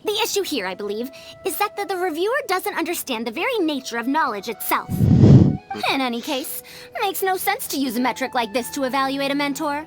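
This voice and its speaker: A woman's voice: high-pitched, animated, fairly quick, fairly bright tone. An actress voicing a prim, fussy female elder scholar who talks in a lofty, scolding way, in game audio. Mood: indignant. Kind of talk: game voice acting. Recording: game audio with faint music.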